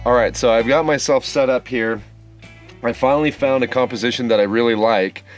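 A man in his thirties chatting casually outdoors by a lake, relaxed and rambling with plenty of fillers, recorded on a camera mic. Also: mid-range voice, a little fast, faint music behind. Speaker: outdoor photography vlogger. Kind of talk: casual on-location vlog talk.

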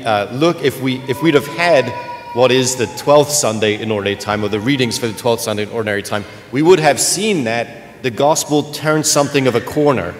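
A man serving as clergyman, reading the gospel and preaching a homily in a large church, his voice carrying a long cathedral-like echo. He speaks earnestly, searching for words and often restarting. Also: mid-range voice. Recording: long church reverb, faint room noise.

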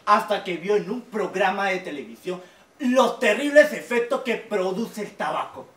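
A man's voice: sits high, expressive, normal speed, a bit bright. An actor playing a fussy, earnest man who dotes on his strange pet, exclamatory and solemn in a stage comedy. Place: small theatre stage indoors. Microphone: distant camera. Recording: echoey, distant stage recording with noise.

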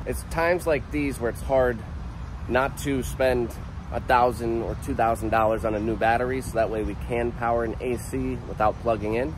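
A man in his thirties tells stories in a relaxed, chatty way as he vlogs. He holds his phone at arm's length outdoors. Steady city traffic hums behind him. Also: mid-range voice, moderate pace. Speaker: travel vlogger. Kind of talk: casual vlog narration. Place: outdoors in a city park and parking lot. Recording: noisy outdoor street recording. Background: traffic and city ambience.

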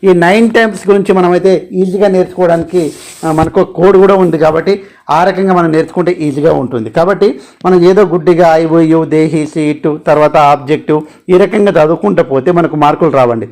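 A man's voice: on the high side, quick pace, darkish tone. A man with a Telugu accent teaching an exam-prep grammar lesson, emphatic and repeating key terms. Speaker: English teacher for exam aspirants.

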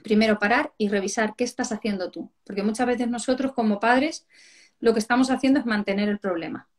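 Woman, from Spain, slightly high voice, parenting educator, live-stream chat, animated storyteller. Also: a little fast.

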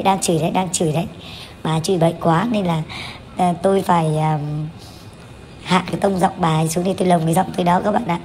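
Candid chatty woman, low voice. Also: darkish tone, slight background noise. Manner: candid, chatty, with frequent fillers and self-corrections. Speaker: vlogger. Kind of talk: voice-over narration of a family vlog.

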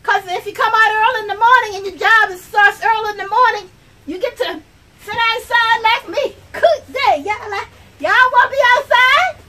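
A woman's voice: very high-pitched, moderate pace, bright, forceful tone, slight background noise, pitched above the performer's own voice. Woman doing Miss Margarita, a brassy old lady. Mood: chatty. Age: older. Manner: rambling, chatty, addresses viewers directly. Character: chatty brash 82-year-old woman. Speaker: comedic character sketch. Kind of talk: improvised comic monologue. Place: outdoors.

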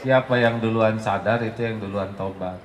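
A man preaching, answering a question in a gentle, storytelling way. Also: steady tone, normal speed. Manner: gentle, storytelling, acts out mothers in a shrill voice. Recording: echoey hall with faint noise.

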